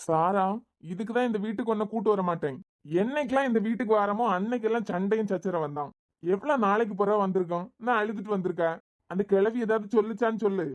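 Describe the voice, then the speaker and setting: A woman's voice: medium pitch, fast talker, natural voice. A woman voicing a caring young husband in a cartoon, talking in a soothing, questioning way with a Kanyakumari Tamil accent. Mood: concerned. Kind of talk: cartoon voice acting.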